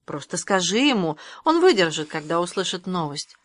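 A woman's voice: lowish voice, sing-song, normal speed. A woman reading the part of a stubborn teenage girl in an audiobook, insistent and matter-of-fact.

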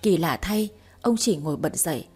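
Woman reading a story aloud, husky and warm, steady pace. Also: lowish voice, moderate pace, faint music behind. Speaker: narrator. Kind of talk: storybook narration.

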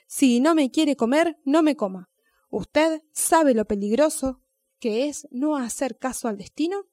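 A woman's voice: high-pitched, animated, measured pace, a little mellow, no echo. Woman doing a crafty old male snail. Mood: grudging. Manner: persuasive, patient, lecturing.

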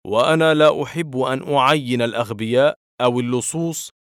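A man's voice: mid-range voice, brisk, smooth, dry recording, close to an everyday voice. Man doing a stern, cold office boss. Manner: firm, dry and scolding. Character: stern, cold office director, middle-aged male boss.

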